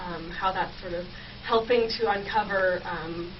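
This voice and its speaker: On campus radio, a young woman doing a history PhD speaks a little slowly in a fairly low voice, casually explaining her research as an interview guest. She sits far from the mic, and the audio is muffled, noisy and off-mic.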